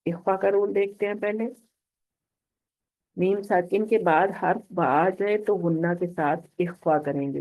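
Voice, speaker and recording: A woman teaching a Quran recitation lesson online, slowly explaining rules and reciting examples while unwell. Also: on the low side, gravelly. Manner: slow, patient explaining with drawn-out recited examples. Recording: tinny phone-line audio.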